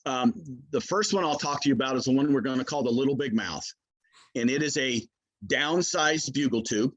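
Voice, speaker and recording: A man's voice: medium pitch, moderate pace, fairly bright tone, highs cut off. A man explains his products in a casual interview, talking in a folksy, hesitant way as he works through the details. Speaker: game call maker, product expert.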